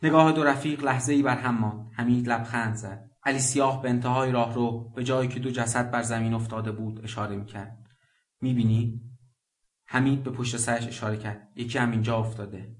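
A man narrates a literary story in a measured, deliberate reading. His voice sits at an ordinary middle pitch. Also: fairly even intonation. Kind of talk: scripted narration.

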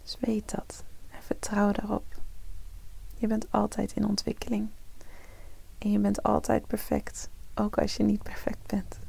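A woman guiding a morning meditation as podcast host in a soft, breathy, soothing half-whisper, slow like a spa relaxation track. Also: medium pitch, completely flat delivery, poor audio.

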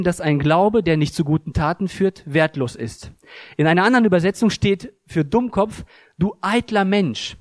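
A man's voice: high voice, dry recording, studio quality. A man giving an earnest, emphatic sermon, telling a story and explaining a Bible passage. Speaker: preacher.

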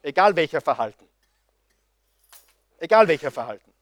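Male preacher, high voice, dry sound, fervent rhetorical questions. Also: sing-song, moderate pace, no echo. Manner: impassioned, with rhetorical questions to the audience. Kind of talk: sermon.

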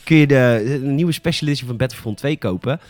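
Casual male podcast host, Rotterdam accent, blunt and sweary, quick delivery in a dry close recording. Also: mid-range voice, darkish tone, no room sound, soft background music. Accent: Rotterdam Dutch. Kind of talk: casual gaming chat.

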